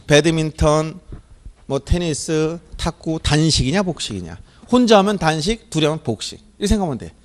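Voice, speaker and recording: A middle-aged male lecturer with a high, lively voice that swings widely in pitch. He keeps firing questions at his class and answering them himself, in a brisk exam-coaching manner. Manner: animated, drills students with repeated questions and answers.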